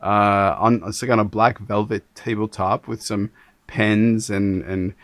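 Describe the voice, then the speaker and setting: A man from Canada hosting an interview, talking in an animated, rambling way with many restarts. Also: on the low side, a little slow, no room sound. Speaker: podcast host. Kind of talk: casual interview chat.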